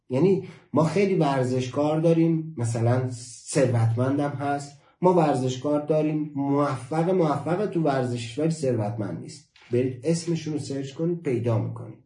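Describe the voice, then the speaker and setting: A man giving a motivational class talk, emphatic, repeating key phrases and slowing down to stress his points. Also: on the high side, darkish tone, roomy sound. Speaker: motivational teacher.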